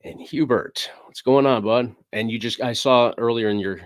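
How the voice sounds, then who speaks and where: The host of this casual game-room livestream has a medium-pitched voice with fairly even intonation and a moderate pace, recorded cleanly with no echo on a desk microphone. Sniffling from a cold he's still getting over, he rambles loosely, uses lots of fillers, and reads out the chat.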